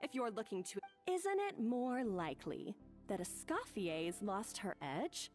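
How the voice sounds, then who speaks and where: An actress playing a proud, defensive rival chef in a video game, speaking in a haughty, curt way. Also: female voice, mid-range voice, big pitch swings, measured pace, darkish tone, faint music behind. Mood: smug.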